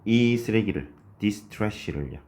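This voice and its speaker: A man teaching English grammar in a recorded online lesson, explaining patiently step by step, asking questions and answering them himself, and reading English sentences out slowly. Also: lowish voice, lively intonation, darkish tone.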